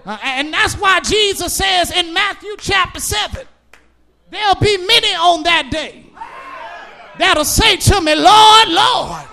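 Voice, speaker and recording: A man preaching a sermon, shouting in a sing-song cadence and hammering home repeated phrases. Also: very high-pitched, takes it slowly, gravelly.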